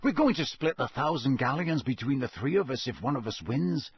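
A cheeky teenage schoolboy talks with a grin in his voice, as a man reads him. His tone is husky and sits at a middle pitch. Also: big pitch swings, brisk, dry recording. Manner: cheerful and cheeky.

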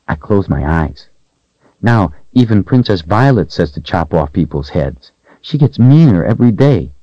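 A man voicing a timid, lonely little girl who speaks in a soft, wistful and fearful way. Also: sits low, very animated, moderate pace, dry recording, dull audio.

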